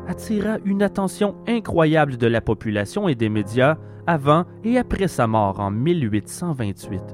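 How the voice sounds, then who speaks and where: A Québécois man delivers scripted documentary narration. His mid-pitched voice moves animatedly up and down while he tells things reflectively. Faint guitar music sits underneath. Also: a little mellow. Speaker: host narrator.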